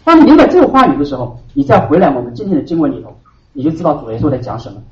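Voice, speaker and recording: A man preaching a sermon to his congregation as their pastor. He hammers key words loudly, then drops to hushed asides. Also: a little high, big pitch swings, very fast. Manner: emphatic preaching, swinging between loud stresses and hushed asides. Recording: roomy hall from a distant, dull mic.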